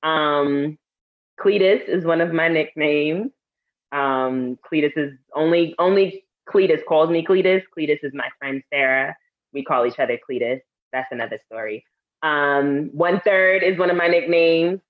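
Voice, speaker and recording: A woman's voice: deep voice, measured pace, phone-quality sound. A woman from Harlem, New York, co-hosting a casual chat and telling stories with a laugh. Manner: laughing, chatty storyteller. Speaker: co-host.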